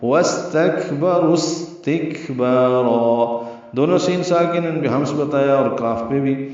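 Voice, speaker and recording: Guy teaching tajweed, slow and careful over each letter, sounds far off and muffled. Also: medium pitch, darkish tone. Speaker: Quran recitation teacher. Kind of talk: tajweed lesson. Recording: very echoey, distant, dull lo-fi.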